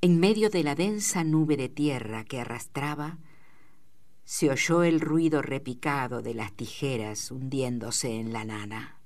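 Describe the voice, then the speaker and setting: Slow, low-voiced woman reading. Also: darkish tone. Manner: measured, deliberate reading. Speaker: audiobook reader. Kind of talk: scripted literary narration.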